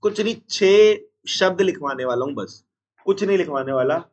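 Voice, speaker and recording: A man teaching an accounts class, unwell with a strained chest, repeating formulas slowly and scolding noisy students. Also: sits high, animated, darkish tone, muffled recording. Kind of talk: classroom lecture.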